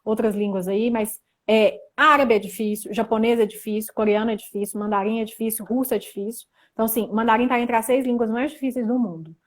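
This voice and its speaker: A woman's voice: fairly high pitch, fairly even intonation, a little fast, hardly any pauses. A young woman from Brazil hosting a casual livestream lesson, chatting and reading viewer comments aloud. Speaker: livestream host teaching Mandarin.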